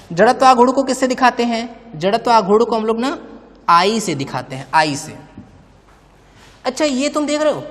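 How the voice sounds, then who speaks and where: Man teaching physics in an echoey room. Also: high voice. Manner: asks questions and answers them himself, calls students "bhai". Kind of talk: chalkboard physics lecture. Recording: long reverb, roomy classroom sound.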